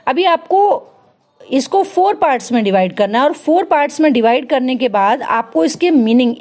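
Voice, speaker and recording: A woman teaching how to learn verses, explaining step by step and slowly repeating words. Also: high voice, darkish tone. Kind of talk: instructional talk.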